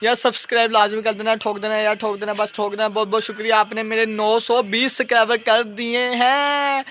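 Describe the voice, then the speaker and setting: High-voiced man chatting to his pets. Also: flat delivery, brisk, a bit bright, soft background music. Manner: chatty, fondly scolds his birds as they eat. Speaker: pet-keeping vlogger. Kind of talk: casual vlog narration while feeding pets. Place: outdoors at his pet cages, on the rooftop.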